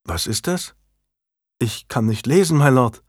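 A man voicing a teasing, emotional young townswoman in a high, soft voice for an audiobook. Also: lively intonation, measured pace, slightly rough, dry recording, clean studio sound. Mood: puzzled.

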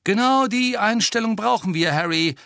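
A man voicing a brisk, commanding teenage girl who captains a sports team. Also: high voice, gravelly, sharp tone, dry recording, clean studio sound, pitched above the performer's own voice, full character voice.

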